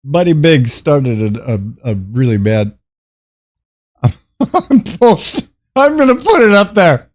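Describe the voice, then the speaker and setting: An older man hosting a gaming livestream, joking with his viewers and dissolving into laughter between lines. His pitch jumps around a lot as he talks, yet he speaks at an unhurried, slow pace. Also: sing-song. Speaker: gaming streamer. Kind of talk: casual livestream chat with viewers.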